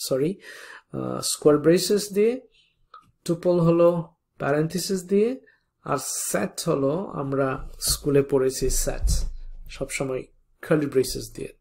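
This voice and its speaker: A programming instructor teaching a coding lesson step by step, spelling out code slowly and often checking in with the viewer. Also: medium pitch, creaky, mellow. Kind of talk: coding tutorial lecture.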